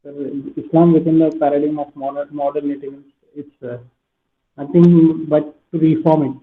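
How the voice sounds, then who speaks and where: A man's voice: a little high, level tone, moderate pace. A young man, a student answering his professor hesitantly in an online class. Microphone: video call. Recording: tinny call audio.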